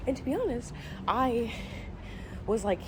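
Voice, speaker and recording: A woman's voice: fairly high pitch, sing-song, unhurried, noisy background. A young woman vlogging in casual chat, gushing and chatty with lots of filler words.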